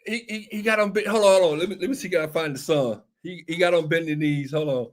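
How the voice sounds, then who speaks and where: A man's voice: a little high, fast. A tipsy man hosting casual political commentary, laughing and rambling, repeating himself often. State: a little tipsy. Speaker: show host.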